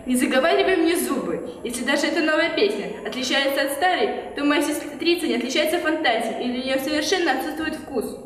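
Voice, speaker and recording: A woman acts out an imperious, spiteful snow queen in a children's fairy-tale play. Her high voice scolds haughtily and theatrically. It carries from afar through a reverberant hall. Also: expressive, fast, few pauses. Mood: haughty. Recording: distant, very echoey hall, faint noise.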